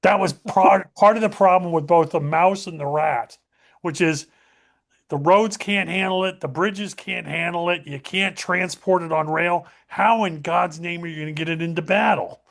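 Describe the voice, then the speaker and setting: A man's voice: high-pitched, moderate pace, creaky, fairly bright tone. A man hosting a casual history talk, rambling with many fillers and self-corrections.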